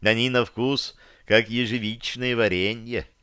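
A man's voice: medium pitch, steady tone, unhurried, fairly bright tone, smooth, no echo, studio quality, natural voice. A man reading an audiobook voices a sly young necromancer who coos in mock tenderness. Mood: mock-sweet.

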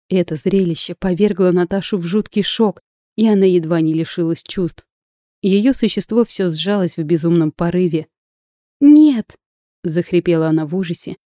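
A woman narrating an audiobook with steady, dramatic storytelling. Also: on the low side, dry recording, clean studio sound. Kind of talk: scripted narration.

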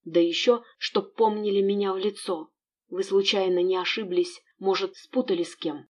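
A woman's voice: mid-range voice, fairly even intonation, moderate pace, darkish tone, highs cut off, close to an everyday voice. A woman reading the part of an injured, bewildered older man who has just come to. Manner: weak, puzzled.

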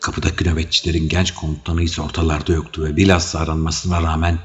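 Very deep-voiced male audiobook narrator. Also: little pitch movement. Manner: measured, dramatic reading. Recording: dull audio with faint music.

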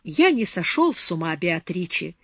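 A suave, melancholy man with a soft and persuasive way of talking, read by a woman narrator. His lines stay gentle and intimate, close to the reader's own voice. The recording is dry. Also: fairly low pitch, big pitch swings, normal speed, no room sound. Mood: tender.

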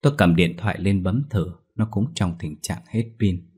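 A man narrates a ghost story. His telling is hushed and suspenseful, steady in its pacing. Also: low voice, normal speed, slightly rough.

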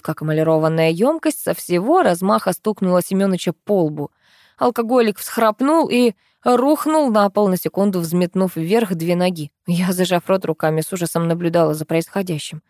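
A woman narrating a comic first-person audiobook in a lively, dramatic manner. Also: lowish voice, dry recording, studio quality.

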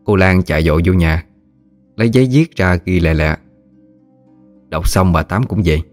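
Low-voiced male storyteller, Mekong Delta accent, folksy narration over faint music. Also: lively intonation, moderate pace, dry recording. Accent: Mekong Delta Vietnamese.

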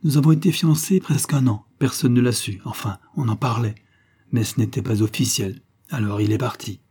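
A man's voice: mid-range voice, a little fast, warm tone, breathy edge, natural voice. A man voicing a bitter young wife in an audiobook, speaking coldly and defiantly, breaking into angry outbursts. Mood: hard.

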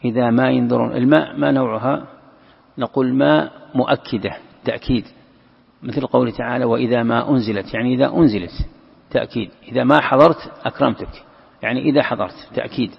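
A man teaching a Quran commentary lesson, explaining step by step, repeating key phrases and slowing down to recite verses. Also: medium pitch, vocal fry, breathy edge. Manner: explains step by step, repeats key phrases, asks and answers his own questions. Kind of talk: classroom commentary on a classical text. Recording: lo-fi recording in a long-reverb hall.

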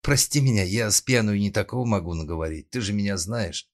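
A man's voice: lowish voice, brisk, lightly acted. A man voicing a brash, tipsy, impulsive young woman in an audiobook, speaking flippantly. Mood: coaxing.

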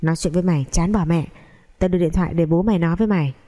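A woman's voice: fairly low pitch, racing, dark tone, lightly acted. Woman doing a brash, teasing male cousin. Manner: blunt, joking, crude.

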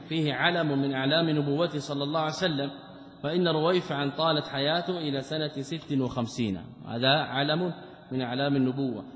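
A male scholar giving a religious lesson, reading passages from a commentary and explaining them with rhetorical questions. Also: fairly high pitch. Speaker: Islamic scholar teaching a text. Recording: muffled, echoey lecture hall recording.

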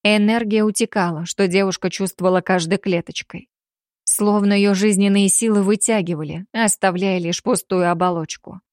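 A woman narrating a fantasy novel in an audiobook, in a steady, measured reading voice. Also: mid-range voice, dry recording, clean studio sound.

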